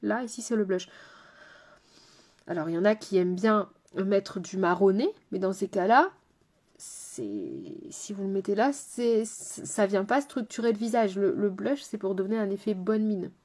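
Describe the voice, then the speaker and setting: A chatty woman makeup artist explains her steps as she works, at a middling pitch. Her tone is casual and direct, and she tosses playful asides to someone off camera. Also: expressive, moderate pace, darkish tone. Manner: chatty, addresses viewers directly.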